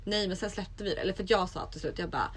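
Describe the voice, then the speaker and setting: A woman's voice: medium pitch, crowd noise. Young woman telling a story animatedly. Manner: animated storytelling, acts out quotes. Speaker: podcast co-host. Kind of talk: casual chat.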